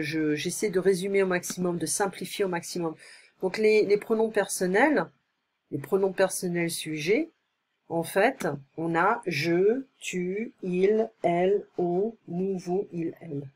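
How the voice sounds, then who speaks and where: A woman teaching in a recorded tutoring lesson, explaining slowly and checking in often with short questions. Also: fairly low pitch, breathy edge. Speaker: French teacher.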